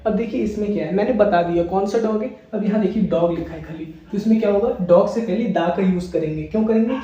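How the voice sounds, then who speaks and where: A male English teacher races through a classroom grammar lesson, repeatedly posing questions about each example and answering them himself. His voice is high, mellow and dark, and the room audio is dull and far off with strong echo.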